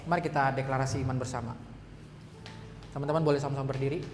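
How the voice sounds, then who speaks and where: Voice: mid-range voice, fairly even intonation, very fast, over music. A youth fellowship preacher giving a direct, urgent, conversational sermon in a church hall.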